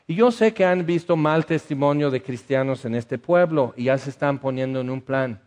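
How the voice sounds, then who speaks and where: Mexican male pastor, fairly high voice, conversational preacher who acts out voices. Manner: animated, acts out dialogue, conversational asides. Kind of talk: sermon with storytelling.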